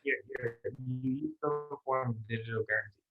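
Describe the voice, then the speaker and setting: A man's voice: mid-range voice, fairly quick, narrow, tinny audio. Guy on a video call, podcast guest, mid-range voice, eager, keeps repeating words as he gets going. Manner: eager, stumbles and repeats words as he builds a point. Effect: heard over a video call connection. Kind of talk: casual conversational interview.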